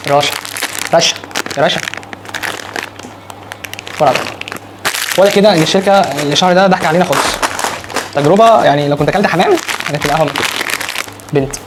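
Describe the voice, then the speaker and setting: A man with an Egyptian Arabic accent hosting a casual snack unboxing challenge, excitable and repeating words in quick bursts. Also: fairly high pitch, noisy background. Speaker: food challenge vlogger. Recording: wrapper crinkling and clicks behind.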